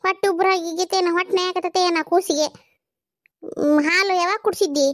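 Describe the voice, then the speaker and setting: A woman's voice: extremely high pitch, fairly even intonation, a little fast, no echo, clean studio sound. A woman voicing a fretful village grandmother in a cartoon, fussing and scolding in a North Karnataka accent. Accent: North Karnataka Kannada. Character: fretful village grandmother, doting on crying baby. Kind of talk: cartoon voice acting.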